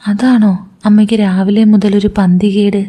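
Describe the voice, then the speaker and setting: A woman's voice: mid-range voice, little pitch movement, moderate pace, dark tone, lightly acted. A woman voicing a young married daughter who questions her mother, puzzled.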